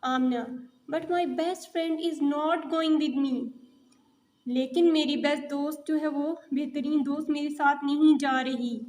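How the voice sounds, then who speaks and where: A woman teacher explaining a textbook lesson, reading English sentences slowly and explaining them in Hindi. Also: sits high, fairly even intonation, darkish tone.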